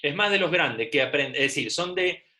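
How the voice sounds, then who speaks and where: A man's voice: on the high side, lively intonation, a little fast, bright, forceful tone. A middle-aged man with an Argentine Rioplatense accent teaching a class over a video call, chatty and full of rhetorical questions. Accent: Rioplatense Spanish. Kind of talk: online class lecture.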